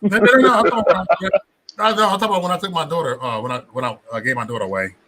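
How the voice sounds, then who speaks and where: A man in his forties hosting a live stream chat, telling family stories with an animated manner and a husky voice. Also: fairly high pitch, rapid-fire. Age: 40s. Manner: animated, laughing storyteller. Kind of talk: casual group chat.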